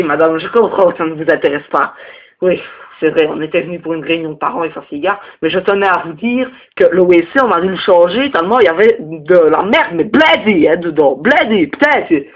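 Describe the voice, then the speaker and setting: A young man with a Belgian French accent playing a crude, rambling male teacher in a comedy sketch, lurching into high, indignant outbursts. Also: dull audio. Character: crude, touchy male teacher, single, lives with parents. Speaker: teacher at a parents' meeting.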